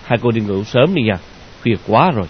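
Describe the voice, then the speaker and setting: A man doing a gentle young doctor lover. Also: medium pitch, expressive, normal speed, close to an everyday voice. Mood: tender. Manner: soft, tender, consoling. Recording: dull lo-fi audio with hiss.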